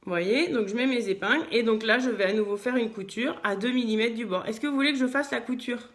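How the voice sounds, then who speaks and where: A woman from France leads a casual live sewing lesson at her machine. Her voice sits a little high. She talks in a loose, chatty way, full of fillers, and greets the viewers as she works. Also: fast talker. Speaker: sewing teacher.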